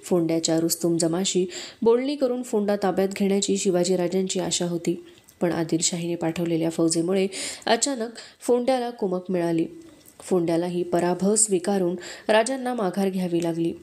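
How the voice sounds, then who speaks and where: Woman reader, audiobook narration of a historical novel, steady storytelling. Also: on the low side, moderate pace. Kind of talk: reading a historical novel aloud.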